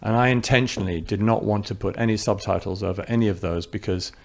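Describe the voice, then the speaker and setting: Here the New Zealand director talks fast in a creaky, lowish voice. His English-accented interview replies are reflective, as if he's thinking out loud, with frequent restarts.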